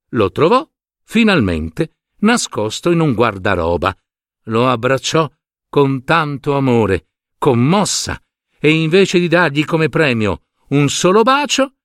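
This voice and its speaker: A man reading a children's story aloud with expressive, dramatic storytelling. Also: on the high side, dry recording, studio quality. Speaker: narrator.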